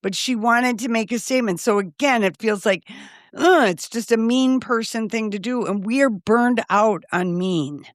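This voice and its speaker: A woman's voice: fairly high pitch, moderate pace, dry recording, studio quality. A woman co-hosting a pop culture podcast in casual chat, blunt, gossipy and irreverent. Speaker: podcast co-host.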